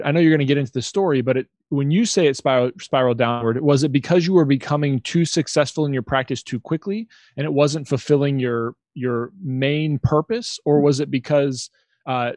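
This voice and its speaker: A man's voice: fairly high pitch, darkish tone, no room sound. A man hosting an interview over a video call, asking follow-up questions politely and a little hesitantly. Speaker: interview host.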